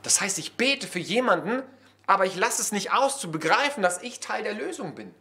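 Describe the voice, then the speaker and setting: A man preaching an early morning church sermon, conversational and lively, with many rhetorical questions. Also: high voice, a little fast.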